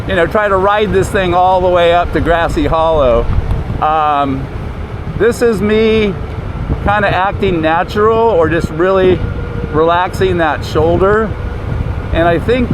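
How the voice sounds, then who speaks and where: A man chatting casually to camera and thinking aloud from inside a helmet as he rides outdoors, with wind noise. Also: sits high. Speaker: vlogger riding an electric unicycle. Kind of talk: casual vlog chat while riding. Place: outdoors on a moving electric unicycle, inside a helmet.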